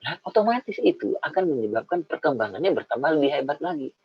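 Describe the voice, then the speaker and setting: A middle-aged man giving a lively, informal talk on raising children, speaking to mothers and acting out parent and child voices. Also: on the high side, quick pace, husky. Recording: dull lo-fi sound.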